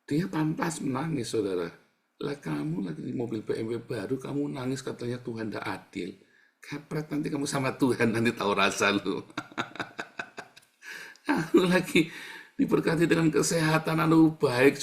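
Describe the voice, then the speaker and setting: Gravelly preacher man. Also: mid-range voice. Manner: lively, joking, mimics crying prayers, repeatedly addresses listeners. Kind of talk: sermon.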